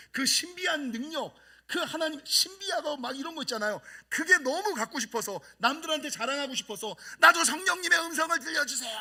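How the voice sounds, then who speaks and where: High, animated pastor preaching a sermon. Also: male voice. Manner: lively storytelling with self-mocking humor. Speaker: senior pastor.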